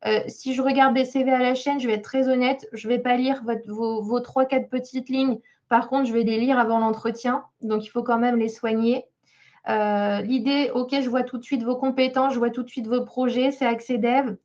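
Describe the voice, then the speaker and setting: Woman job coach reviewing a CV in a webinar, talking hesitantly with many fillers, a fairly high voice, and a muffled lo-fi sound. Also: fairly even intonation, moderate pace, darkish tone. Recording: slightly dull lo-fi sound.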